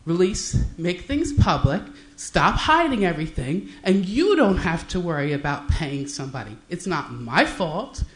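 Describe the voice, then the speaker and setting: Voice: mid-range voice, big pitch swings, measured pace, hardly any pauses. A resident making pointed, confrontational public comment to a city commission. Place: council chamber. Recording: echoey meeting room.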